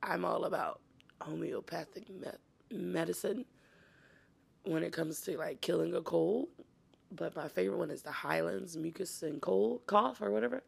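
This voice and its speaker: A sick, congested woman podcast host with a smoker's rasp, hoarse and breathy, giving a casual personal update. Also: lowish voice, moderate pace. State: sick, congested and wheezy, coughing and throat-clearing.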